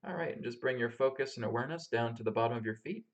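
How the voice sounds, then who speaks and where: A man calmly leading a guided grounding meditation as a spiritual teacher, giving step-by-step instructions to listeners. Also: medium pitch, rapid-fire, slight background noise. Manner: calm, instructing listeners step by step through breathing. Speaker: spiritual teacher and healer leading a live session.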